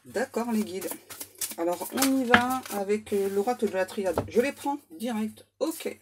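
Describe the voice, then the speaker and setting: Slow-talking, chatty woman card reader. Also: medium pitch, animated, very noisy. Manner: chatty and self-mocking, bantering aloud with her spirit guides. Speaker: medium doing card readings. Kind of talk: casual oracle card reading.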